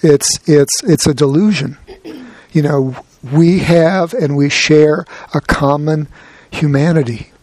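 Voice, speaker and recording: A man giving a gentle, reflective dharma talk as a meditation teacher, with a light touch of humor. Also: on the high side, slow pace, no echo.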